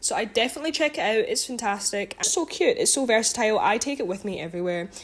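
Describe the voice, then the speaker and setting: A woman's voice: a little high, expressive, fast talker. A twenty-year-old woman chatting casually to her viewers, rambling with lots of ums and likes and correcting herself as she goes. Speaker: vlogger and student. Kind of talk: casual chatty catch-up vlog.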